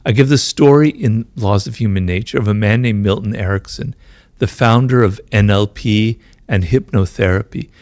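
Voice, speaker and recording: A man with a gravelly, slightly creaky voice at a middle pitch, speaking fast in a conversational interview. He keeps tossing in "right?" and "you know" as he explains. The sound is dry and close, with no room echo. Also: darkish tone. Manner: talks fast, says his mind races. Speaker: author being interviewed.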